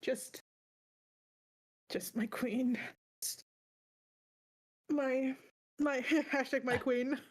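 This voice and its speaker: A woman's voice: sits high, steady tone, extremely slow, pauses often. Giggly young woman co-hosting a podcast. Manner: bubbly, giggly, lots of fillers. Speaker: podcast co-host. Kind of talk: casual chat.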